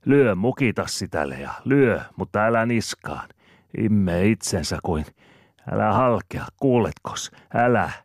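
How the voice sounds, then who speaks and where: A bustling peasant woman barks at her cows and children in sharp, scolding bursts, as a man reads her out. Her voice rides above his usual low register, loud and exclamatory. It is an audiobook, read close and dry. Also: lively intonation, slightly rough, no room sound. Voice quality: shouting, scolding.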